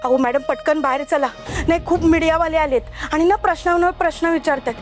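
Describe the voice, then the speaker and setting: An actress playing a flustered police constable who pleads urgently. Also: female voice, sits high, a little fast, soft background music, natural voice.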